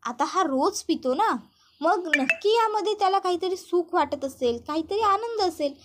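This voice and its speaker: A woman's voice: very high-pitched, animated, moderate pace, background noise, pitched above the performer's own voice. A woman voicing a cheeky young man who mocks and cajoles his family in a TV serial recap. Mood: mocking.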